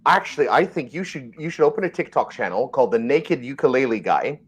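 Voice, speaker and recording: A man's voice: lively intonation, fast, husky. A man hosting a casual comedy video chat, teasing his friends with a playful, bouncy delivery. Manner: bouncy, teasing, puts on a booming announcer voice for intros. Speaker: host.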